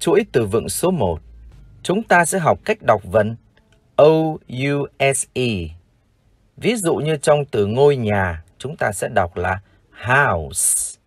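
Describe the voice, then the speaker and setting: A man with a Vietnamese accent teaching English vocabulary in a formal, slow lesson style, repeating each word for practice. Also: medium pitch, sing-song, slightly rough, no room sound, clean studio sound. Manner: formal, addresses "dear viewers", repeats words slowly for practice.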